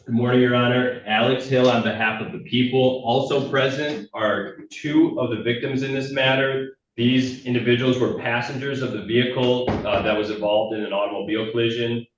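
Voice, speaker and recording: A man's voice: mid-range voice, fairly even intonation. Man heard in an echoey courtroom recording. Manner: measured and formally respectful. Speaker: prosecutor. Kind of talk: formal courtroom address. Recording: echoey, distant, muffled courtroom audio with faint noise.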